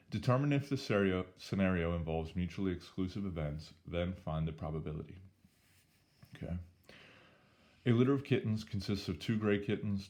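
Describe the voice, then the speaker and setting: A male statistics teacher, hoarse from losing his voice, casually talking through problems step by step in a recorded lesson. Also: deep voice, a little mellow. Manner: casual, chatty, talks through each step. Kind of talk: recorded math lesson walkthrough.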